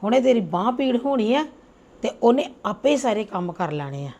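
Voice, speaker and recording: A woman acting as a scheming, sharp-tongued grandmother who bosses her household around in a family drama. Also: a little high, sing-song, normal speed. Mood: bossy. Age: older. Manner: bossy, scolding, sharp-tongued. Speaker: household matriarch.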